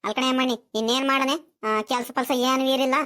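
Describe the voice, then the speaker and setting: A woman's voice: high voice, steady tone, fairly bright tone. A woman voicing a kindly, talkative elderly grandmother in a cartoon, with a chatty, coaxing manner. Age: older. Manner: chatty, coaxing, drawn-out fillers. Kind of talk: cartoon voice acting.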